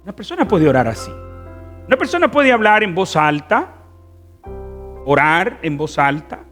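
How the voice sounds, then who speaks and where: A man with a Dominican accent preaching a fervent sermon as pastor, swinging between soft, drawn-out phrases and loud emphatic ones. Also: high voice, very animated, soft background music. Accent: Dominican Spanish. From Dominican Republic. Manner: fervent preaching with wide swings in loudness and stretched words.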